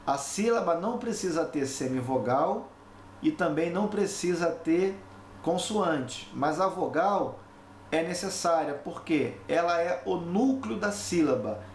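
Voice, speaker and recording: A male teacher speaks slowly and deliberately in a slightly high voice. He explains point by point and keeps checking in with short tag questions. The recording is roomy and echoey, with a faint hum underneath. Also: lively intonation. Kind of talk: recorded online lesson. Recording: echoey room, faint background noise.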